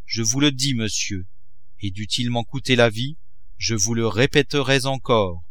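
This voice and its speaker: A man voicing an ailing older mother who pleads slowly and wearily. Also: medium pitch, a bit bright, natural voice. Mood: pleading. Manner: slow, imploring, weary.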